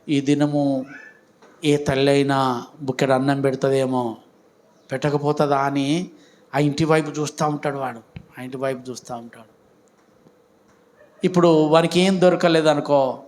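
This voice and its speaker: A man, preaching a Sunday sermon as pastor, with emphatic outbursts and questions put to the congregation. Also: fairly high pitch. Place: church.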